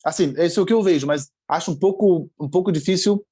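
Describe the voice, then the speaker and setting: Appearing as a guest on a podcast, a male language teacher explains things patiently in a relaxed interview, hesitating often. He talks fast in a high, warm voice with a breathy edge.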